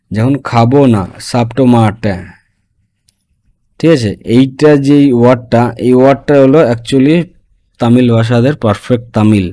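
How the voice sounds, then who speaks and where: A man's voice: medium pitch, warm tone, dry recording. A man teaching a spoken language lesson, explaining phrase by phrase and often checking in with his listeners.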